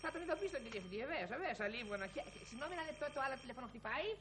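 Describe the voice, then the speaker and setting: A woman voicing a fussy, excitable male character in a children's TV musical, babbling and easily overwhelmed. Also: high-pitched, slight background noise. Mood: flustered.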